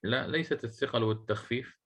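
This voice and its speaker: A man teaching a class on Quranic recitation rules. He puts questions to his students, repeats key phrases slowly and chants short verses in a measured tone. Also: medium pitch, fairly bright tone. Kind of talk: classroom lecture on tajweed.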